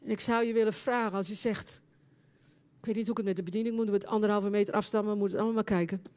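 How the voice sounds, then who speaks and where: A woman preaching and praying in a charismatic church service, speaking fervently and building into loud, impassioned prayer. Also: mid-range voice, steady tone, racing. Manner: speaks in tongues between prayers.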